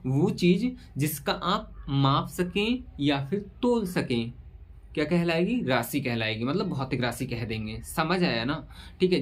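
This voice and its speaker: Man teaching physics with rhetorical questions. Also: fairly high pitch. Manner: asks rhetorical questions and answers them; repeats key terms slowly. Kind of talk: classroom physics lesson. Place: room with a whiteboard.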